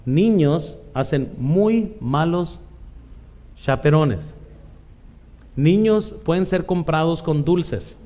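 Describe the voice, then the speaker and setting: A middle-aged Mexican pastor delivers a chatty sermon. His voice sits a little high for a man but sounds dark and mellow. He keeps checking in with his listeners. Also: expressive, extremely slow, long pauses. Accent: Mexican Spanish. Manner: conversational preaching, frequent "¿verdad?" asides, acts out quoted voices.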